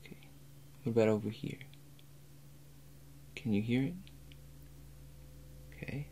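Speaking slowly and quietly in a lowish voice, a young man in his 20s plays an examining doctor for an ASMR role play. He walks the listener through each step with calm, measured instructions. The recording, made in a small room, is clear apart from a constant background hum.

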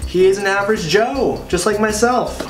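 A young man co-hosting a casual comedic chat at home, rambling with playful deadpan banter. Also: sits high, moderate pace, roomy sound, soft background music. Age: young adult. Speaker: co-host. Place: home kitchen, indoors.

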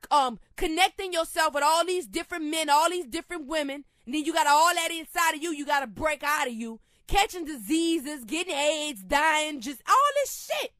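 Woman, New Orleans accent, high voice, dry close sound, impassioned preachy monologue. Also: normal speed, few pauses, no echo. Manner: impassioned, preachy, swings from low reflective to loud shouting. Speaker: rapper. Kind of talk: emotional spoken monologue.

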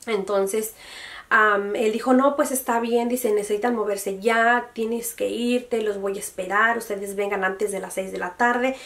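Unhurried and medium-pitched, a young woman recounts a personal story in her casual beauty vlog, emotionally quoting and acting out other people. Her voice sounds slightly distant from the microphone.

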